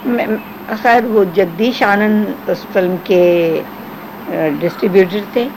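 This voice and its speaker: A woman's voice: mid-range voice, slight background noise, low-quality recording. An older woman, a former film actress, reminiscing in an interview and acting out the voices of people she quotes. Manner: animated storytelling, acts out quoted voices.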